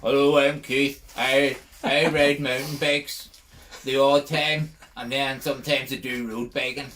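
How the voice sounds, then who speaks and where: A man with a Northern Irish accent voicing his male co-host in a slow, deadpan mock introduction. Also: mid-range voice, a little hiss or hum, pitched below the performer's own voice, natural voice.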